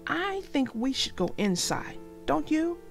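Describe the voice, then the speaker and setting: A woman's voice: sits high, very animated, a little slow, creaky, faint music behind, voice pushed up, exaggerated voice. A woman voicing a timid young boy turtle from a storybook, nervous and easily frightened. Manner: nervous, fearful.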